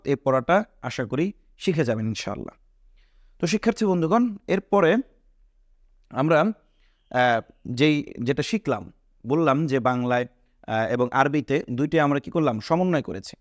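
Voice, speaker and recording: A patient male teacher with a Bangladeshi Bengali accent, walking students step by step through a reading lesson and putting questions to them. His voice sits a little high for a man. The sound is dry and close, with no room echo. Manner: patient, repeats points and poses questions to students. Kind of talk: classroom lesson.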